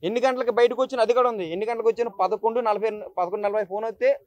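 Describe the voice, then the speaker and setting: A man's voice: high voice, rapid-fire, a little mellow. A young man speaking at a press meet, recounting events in an agitated, emotional way and repeating himself often. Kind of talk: emotional first-person account to the press. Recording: dull lo-fi dry recording.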